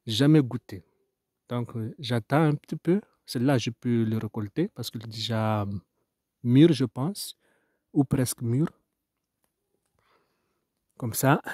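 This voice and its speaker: A man's voice: medium pitch, darkish tone, breathy edge, dry recording, clean studio sound. A man with a Mahoran French accent, a farmer talking casually outdoors about his crops, hesitant and rambling with many restarts. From Mayotte. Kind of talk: casual farm vlog.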